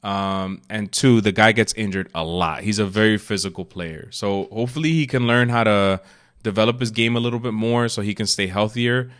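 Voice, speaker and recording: A man's voice: fairly low pitch, moderate pace, a bit bright, clear, resonant tone. A man co-hosting a podcast, giving blunt, opinionated takes in casual sports chat and swearing freely. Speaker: podcast co-host.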